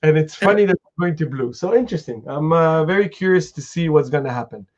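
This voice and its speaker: A man hosts a live interview, firing off questions quickly and enthusiastically while stammering a little at the start of his sentences. His voice is a little high, expressive and darkish, with lo-fi sound.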